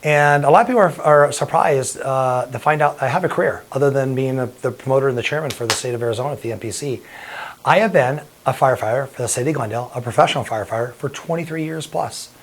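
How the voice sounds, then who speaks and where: A middle-aged man speaks at an ordinary pitch, recounting a personal story straight to the camera. He talks earnestly and lets his emotion show. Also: fast, slight background noise. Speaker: bodybuilding promoter and firefighter.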